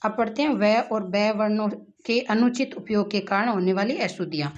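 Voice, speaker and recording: Woman teacher going thru word lists slow, exam prep lesson, kinda dull lo-fi sound. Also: medium pitch. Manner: slow, deliberate listing of words with asides. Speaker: Hindi grammar teacher.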